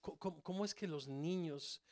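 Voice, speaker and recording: Halting man asking questions. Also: fairly high pitch, darkish tone. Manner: halting, stumbles over words. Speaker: interviewer.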